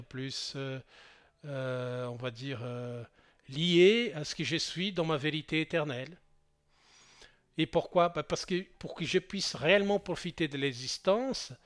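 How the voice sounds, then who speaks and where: Male spiritual speaker, mid pitch, hesitant off-the-cuff monologue full of restarts. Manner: hesitant, many restarts and fillers, lists at length.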